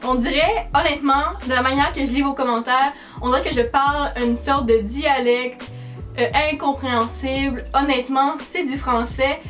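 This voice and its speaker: A woman's voice: high voice, fairly even intonation, normal speed, a bit bright, faint music behind. A teenage girl with a Québécois French accent, chatting casually in a vlog and answering comments with dry sarcasm. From Quebec, Canada. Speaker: YouTuber.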